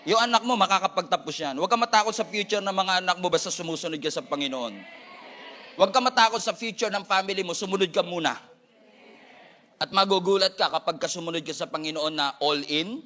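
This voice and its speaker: Bright high-voiced Filipino pastor preaching. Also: male voice, fast. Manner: switches between Tagalog and English, jokes with congregation. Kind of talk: sermon.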